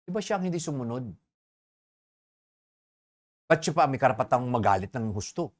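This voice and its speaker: Church preacher mid-sermon, bouncy up and down voice, keeps asking the crowd stuff, slows way down on the verses. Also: medium pitch, expressive. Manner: asks the congregation rhetorical questions; mixes English phrases into Tagalog.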